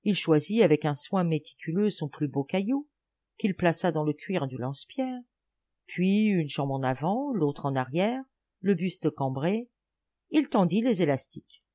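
Woman audiobook narrator, animated and expressive, wide pitch swings. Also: unhurried. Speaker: audiobook reader.

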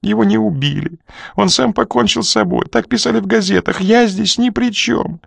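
A male narrator voicing a frightened, defiant young woman who breaks into shrill, tearful cries. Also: big pitch swings, normal speed, no room sound, clean studio sound. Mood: hysterical.

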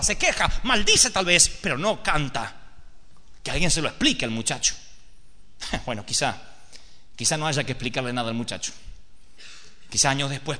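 A man's voice: mid-range voice, bright, forceful tone. A man preaching a sermon as dramatic storytelling, theatrical and emphatic, speaking straight to his audience. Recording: echoey hall.

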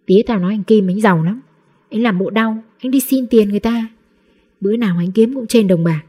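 A woman's voice: medium pitch, a little fast, mellow, husky, natural voice. A woman voicing a scrappy, hungry street boy who talks back rudely, as part of an audiobook reading. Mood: confiding. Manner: cheeky, rude back-talk.

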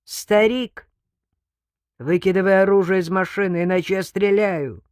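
A man's voice: on the high side, animated, moderate pace, gravelly, no echo, studio quality. A woman reading an audiobook, voicing a cold, threatening armed man who barks orders. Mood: harsh, commanding. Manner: barking orders, loud. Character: menacing armed young man, cold and commanding.

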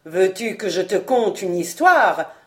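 A woman's voice: mid-range voice, expressive, unhurried, fairly bright tone. A woman doing a sneering male villain. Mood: mocking. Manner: ironic, sneering. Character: cruel mocking male ex-acrobat thug.

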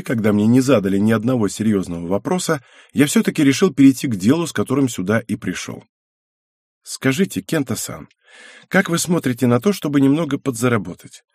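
A man narrating an audiobook in the first person, expressive and wry. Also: mid-range voice, slightly rough, no room sound, clean studio sound.

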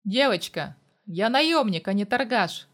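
A woman voicing a hard-bitten male mercenary who talks in curt, loud, barking lines in a spoken story. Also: medium pitch, expressive, measured pace. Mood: gruff.

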